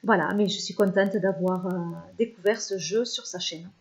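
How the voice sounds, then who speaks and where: A woman's voice: mid-range voice, normal speed. A French-speaking woman vlogger chatting casually about her favorite channels, with many hesitations and fillers.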